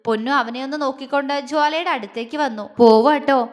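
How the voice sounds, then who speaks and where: High-voiced woman reading a story. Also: moderate pace, in a large hall. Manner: expressive, voices every character herself. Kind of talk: scripted story narration.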